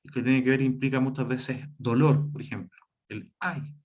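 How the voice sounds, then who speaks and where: Man, Chilean Spanish accent, teacher, spelling lesson over slides, mid-pitched voice, halting explanations with fillers. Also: fairly even intonation, a little mellow. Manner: explanatory, with fillers and self-corrections.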